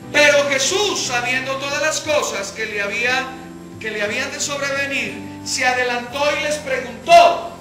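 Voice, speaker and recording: Animated woman teaching scripture. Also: sits high. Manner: animated, acts out scripture quotes, asks rhetorical questions. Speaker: Bible study teacher. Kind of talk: Bible study sermon. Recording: echoey hall with faint music.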